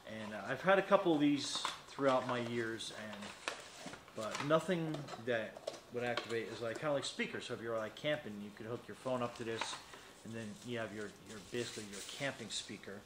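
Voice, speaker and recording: A product reviewer in his fifties does an unscripted, casual demo while seated at a desk in a small indoor studio with metal walls. He rambles a little and thinks aloud, with a medium-pitched voice at a moderate pace. The room sounds echoey and carries faint noise.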